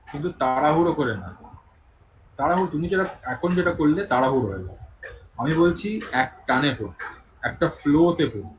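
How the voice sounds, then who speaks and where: Bengali-accented male English tutor, slightly high voice, patient and corrective, faint noise behind. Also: poor audio. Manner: patient, corrects pronunciation step by step. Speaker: English teacher. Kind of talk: online tutoring session.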